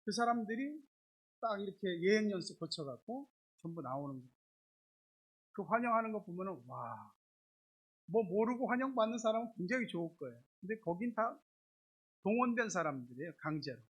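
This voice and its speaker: A man's voice: high-pitched, big pitch swings, brisk, breathy edge, rough recording. A male pastor giving a Sunday sermon in a chatty, conversational way, often piling up filler words. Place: church sanctuary.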